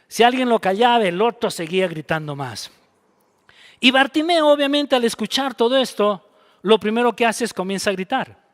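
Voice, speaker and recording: High-voiced pastor preaching in a hall. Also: male voice. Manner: animated preaching, acts out voices of people in the story. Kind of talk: sermon. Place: church sanctuary. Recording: church hall reverb.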